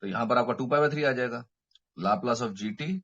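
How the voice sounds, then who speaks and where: Speaking at a medium pitch and moderate pace, this math teacher delivers an online lesson over a microphone, walking through each step and checking on his students while blending English terms into his Hindi. His tone is a bit bright and slightly rough, and the sound is lo-fi.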